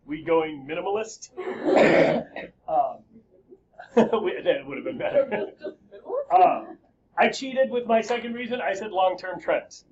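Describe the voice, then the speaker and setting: Male teacher, lively and joking, high voice, slightly muffled classroom recording with faint hiss. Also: slow, pauses often. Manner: lively, joking, quizzing students. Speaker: high school history teacher. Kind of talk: classroom lecture.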